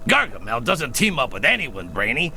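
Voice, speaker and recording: A man's voice: medium pitch, wildly swooping pitch, normal speed, gravelly, pushed and bright, full character voice. A man playing an elderly, wise and cautious Smurf leader in a video game, authoritative and admonishing. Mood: cautioning. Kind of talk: video game cutscene acting.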